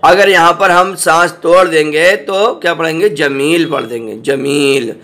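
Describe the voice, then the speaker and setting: A man teaching Quran recitation, spelling out each word slowly and repeating it, often checking that the listener understands. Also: on the high side, pushed and bright. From South Asia. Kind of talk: slow spelled-out recitation lesson.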